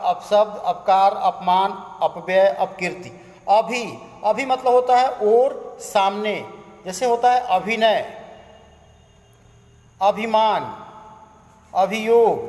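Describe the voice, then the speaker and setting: A man's voice: sits high, darkish tone. A man teaching a school grammar lesson, listing words one at a time with short explanations and a habit of tacking a filler phrase onto his sentences. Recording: echoey room with long reverb.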